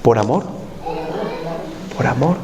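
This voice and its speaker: A man's voice: mid-range voice, animated, slow, a crowd in the background. A man preaching a sermon as pastor in a church, putting questions to the congregation and repeating his key points.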